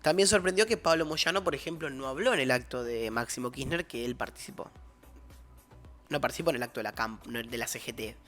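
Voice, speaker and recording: A man's voice: mid-range voice, brisk, a bit bright, faint music behind. A man with an Argentine accent, a guest analyst explaining politics in casual discussion, often restarting and correcting himself.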